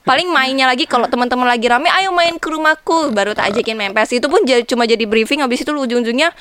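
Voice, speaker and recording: A woman who grew up speaking Hokkien, telling personal stories in a casual, animated interview style, often repeating her phrases. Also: fairly high pitch, very fast, clear, resonant tone, no echo. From Indonesia. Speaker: interview guest.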